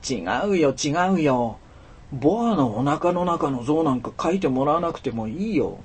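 A man voicing a small, earnest boy in a storybook reading, speaking in a soft, slow, pleading child's voice. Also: on the high side, animated, slightly rough, heavily acted. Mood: insistent. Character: small earnest boy, gentle but insistent.

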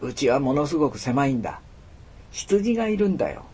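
A man voicing a small, earnest boy in a storybook reading, speaking in a soft, slow, pleading child's voice. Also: medium pitch, big pitch swings, slightly rough, heavily acted. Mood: insistent. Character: small earnest boy, gentle but insistent.

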